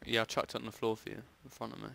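Joking young man, low voice. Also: level tone, rapid-fire, creaky, sharp tone. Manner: joking, laughs a lot, yelps when surprised. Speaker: let's play co-host. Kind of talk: casual gaming chat.

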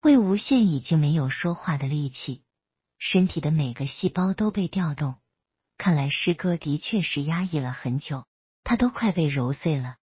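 A woman storyteller reads romance fan fiction aloud, soft and steady at a normal pace. Her voice is low, very husky, and breathy. The recording has no echo and sounds dry, dull, and lo-fi.

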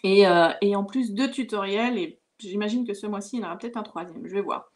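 A woman's voice: mid-range voice, brisk. A woman hosting a live watercolor lesson from home, chatting casually, greeting viewers and laughing often. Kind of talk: casual live-stream chat.

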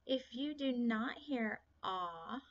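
A young woman leads a children's phonics lesson at a very slow, patient pace. She repeats each word and draws out its vowel sound. The recording is a little muffled and lo-fi. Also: a little high, expressive. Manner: slow, deliberate, stretching out sounds and repeating words. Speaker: teacher. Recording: slightly dull lo-fi recording.

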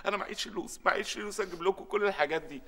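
A man's voice: sits high, rapid-fire. An actor playing a harried middle-aged father, sarcastic and exasperated, in a sitcom. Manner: exasperated, sarcastic, rises to shouting rants. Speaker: sitcom lead. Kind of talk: sitcom acting.

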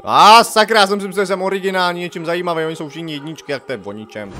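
A man with a fairly high voice narrates his gameplay as a youtuber, casual and slangy. He bursts into loud excitement one moment and mutters the next. Faint music plays underneath. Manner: excitable and jokey, big swings from loud outbursts to muttering, slangy. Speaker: gaming youtuber. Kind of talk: casual let's-play commentary.

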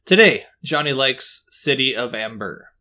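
Guy doing a chatty movie review, middle pitch, jokes about himself a bit. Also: measured pace. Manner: chatty, self-deprecating, relaxed asides. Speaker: host.

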